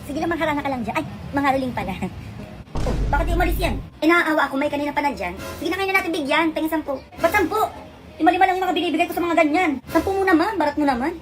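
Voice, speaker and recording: A woman's voice: sits high, racing, over music. A woman acting out a comedic family skit, scolding and exasperated as a mother. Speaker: comedy skit performer playing mother and child.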